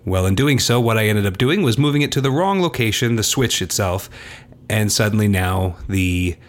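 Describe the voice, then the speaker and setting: A man's voice: on the low side, animated, normal speed. A man co-hosting a podcast in casual, rambling, self-deprecating talk. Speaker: podcast co-host. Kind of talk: casual chat and announcements.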